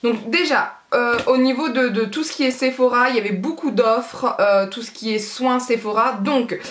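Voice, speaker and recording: A woman's voice: fairly high pitch, normal speed. Chatty woman vlogger in an echoey room. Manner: chatty, rambling, self-mocking. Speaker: beauty vlogger. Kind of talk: casual product haul chat.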